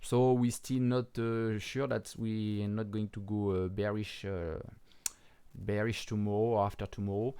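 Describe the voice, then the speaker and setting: Man, French accent, fairly low voice, halting casual chart commentary, lots of uh pauses, blunt. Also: little pitch movement, mellow, smooth. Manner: halting, many filler pauses and restarts; blunt, swears offhandedly. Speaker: crypto chart analyst.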